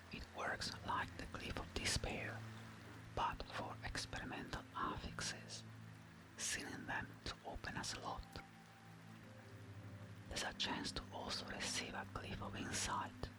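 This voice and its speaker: A narrator giving a scripted game guide in a breathy, intimate ASMR whisper, close to the mic, measured and explanatory. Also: low-quality recording. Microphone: close microphone, ear to ear.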